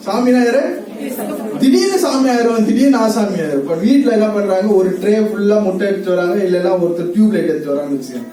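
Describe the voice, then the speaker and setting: A man's voice: high voice, expressive, fast, dark tone, heavy reverb, far from the mic, a little hiss or hum, rough recording. A male preacher giving a sermon, asking the congregation questions, repeating their answers and laughing often. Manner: laughs often while talking.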